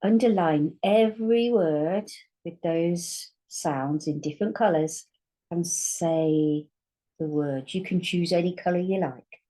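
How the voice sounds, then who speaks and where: A woman's voice: lowish voice, slow, mellow, rough recording. A woman teaching a recorded phonics lesson, patiently sounding out letters again and again. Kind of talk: recorded online spelling lesson.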